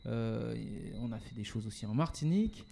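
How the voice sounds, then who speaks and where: A man being interviewed about his work as an entrepreneur and event organizer, talking casually with many pauses and restarts and slipping in English words. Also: mid-range voice, lively intonation, vocal fry, dark tone, a little hiss or hum.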